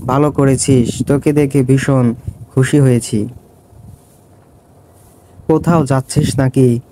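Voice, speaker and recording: A man's voice: medium pitch, fairly even intonation, slow, noisy background, natural voice. A man voicing a friendly young man greeting an old school friend.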